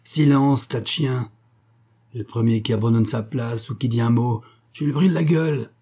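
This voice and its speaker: Brief: a man doing a gruff, bullying jailer in an audiobook, shouting raised and harsh. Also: medium pitch, lively intonation, moderate pace, voice pushed up. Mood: snarling, bellowing. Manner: barking, threatening shouts. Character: brutal bullying male prison guard, gruff and cruel.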